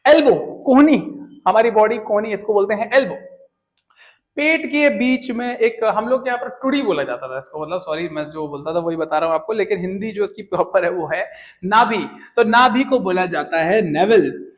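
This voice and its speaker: A man's voice: sits high, animated, normal speed. A young man teaching English words in a casual, joking lesson, often asking questions and answering them himself. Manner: chatty, jokey, asks and answers his own questions.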